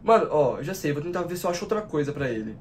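Racing along in a slightly high voice with big swings in pitch, this nineteen-year-old Brazilian Portuguese-accented YouTuber panics his way through a horror game. He shrieks, repeats words in quick bursts, and uses plenty of slang while addressing viewers, with game music and background noise behind him.

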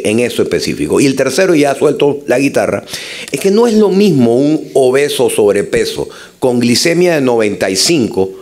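A man's voice: mid-range voice, darkish tone. Older Panamanian man making conference remarks. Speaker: conference delegate. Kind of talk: formal but extemporaneous conference remarks. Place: large conference hall. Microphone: gooseneck table microphone.

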